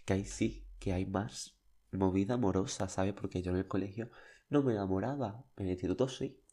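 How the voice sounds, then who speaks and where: Young spanish guy, kinda deep and warm, gossipy dramatic storyteller vibe. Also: a little fast. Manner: chatty, dramatic, flamboyant. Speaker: podcast host. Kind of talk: casual storytelling monologue.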